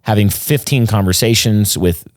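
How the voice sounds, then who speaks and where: Earnest low-voiced pastor, dry close sound. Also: male voice, moderate pace, dry recording. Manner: earnest, explanatory, rambling with restarts. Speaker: pastor and podcast co-host. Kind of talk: casual conversational podcast chat.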